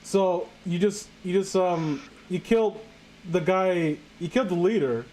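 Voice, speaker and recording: Hosting among friends, a man with a high, darkish voice reads amateur fan fiction aloud at an unhurried pace, casual and incredulous. He often trips over the text and breaks off to mock it, and the recording quality is low.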